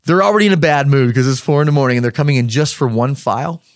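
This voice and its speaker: A man's voice: mid-range voice, rapid-fire, dry recording, clean studio sound. A middle-aged man telling a personal story in casual conversation. He acts out the dialogue and laughs mid-sentence.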